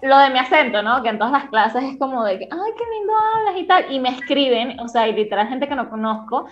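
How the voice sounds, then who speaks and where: Loud, animated young Venezuelan woman. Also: a little high, fast, highs cut off. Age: young adult. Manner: loud, animated storyteller who acts out quotes. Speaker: podcast co-host. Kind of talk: casual chat.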